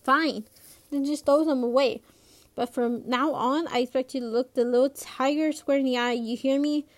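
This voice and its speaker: A woman voicing a stern middle-aged father who scolds his son in measured words, in a storybook reading. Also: sits high, steady tone, close to an everyday voice. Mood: scolding.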